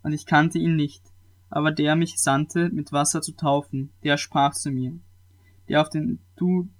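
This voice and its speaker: A man reading scripture aloud at a measured pace, with occasional small restarts. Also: a little high, little pitch movement.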